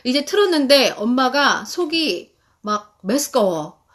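A woman in her thirties hosting a live-stream guide for parents, talking in an animated way and reading English phrases slowly. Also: high voice.

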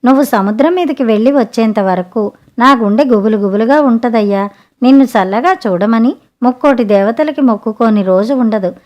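A woman voicing a doting village wife in a spoken storybook, speaking in a slow, gushing way. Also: on the high side, a little mellow, close to an everyday voice.

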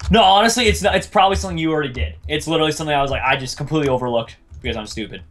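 A man's voice: on the high side, very fast, fairly bright tone. A man in casual gameplay chat, bantering playfully and repeating his phrases. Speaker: gaming video host and player.

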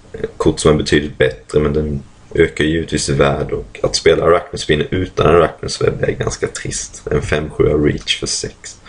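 A man casually commentating a card draft in speech, thinking aloud with many fillers and frequent throat-clearing. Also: a bass voice.

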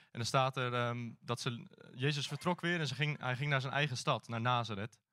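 A man, a church elder, giving an informal sermon in a hesitant way, often pausing to search for words. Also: medium pitch, sharp tone, no echo.

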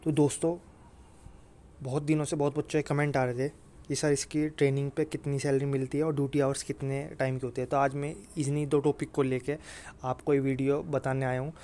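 A young exam coaching YouTuber chats casually with students about exam and job details, often checking in with them and repeatedly asking "theek hai na bhai." His mid-range voice is warm and fairly quick, with little pitch movement.

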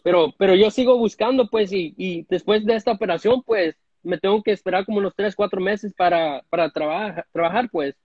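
A man tells crude stories from home, stumbling through restarts. His voice sits high and sounds husky. The phone audio is dull and dry. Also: a little fast, few pauses, darkish tone, dry recording. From United States. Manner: crude, rambling, many restarts. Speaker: guest caller on a live stream. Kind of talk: casual chat. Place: indoor room at home. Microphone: phone front camera at arm's length.

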